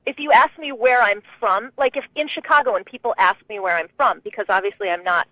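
A woman from New England calling a sports radio show, chatting in an animated, laughing way with lots of restarts, on a phone line. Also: mid-range voice, brisk, no room sound. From Connecticut, New England. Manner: chatty, laughing, animated, talks over herself. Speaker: radio caller.

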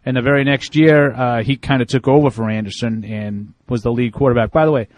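A man's voice: mid-range voice, steady tone, a little fast, a little mellow. A man co-hosting a casual sports radio talk show, reeling off stats and needling his co-hosts. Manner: quotes stats with a joking, needling edge.

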